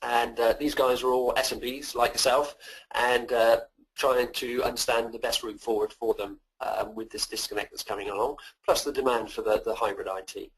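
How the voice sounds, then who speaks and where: A man with an English West Country accent gives an informal webinar presentation over a call, speaking haltingly and repeating words. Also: mid-range voice, steady tone, husky, rough recording. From west of England. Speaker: software company presenter. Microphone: phoning in to a webinar.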